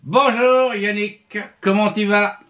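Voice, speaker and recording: A man's voice: high voice, fairly even intonation, slow, a bit bright, pitched above the performer's own voice. A man voicing a friendly, eager bear who asks questions in a children's lesson. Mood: cheerful.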